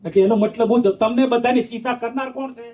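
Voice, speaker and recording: Male monk with a lilt, high and mellow, telling teasing stories in a sermon. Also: fairly even intonation, fast. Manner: playful, acts out the characters, teases the audience. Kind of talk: storytelling sermon. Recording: dull lo-fi sound.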